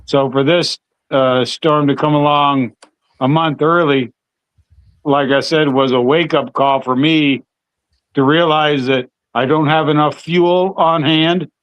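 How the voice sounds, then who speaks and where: A man's voice: on the high side, fairly even intonation, takes it slowly, fairly bright tone, no room sound. Plain-spoken man on a dull call line. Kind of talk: casual conversation.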